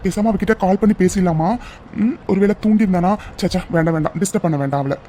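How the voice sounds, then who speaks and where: Cartoon hero: performer voicing a brooding young man, mid pitch, muttering and reassuring. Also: quick pace, warm tone, soft background music, lightly acted. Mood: restless. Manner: muttering self-talk, low and reassuring.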